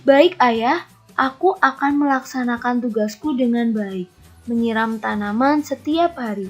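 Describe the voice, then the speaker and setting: A woman's voice: on the high side, a little slow. A teacher reading as a curious young schoolgirl. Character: young schoolgirl asking her father questions. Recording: lo-fi recording with faint music.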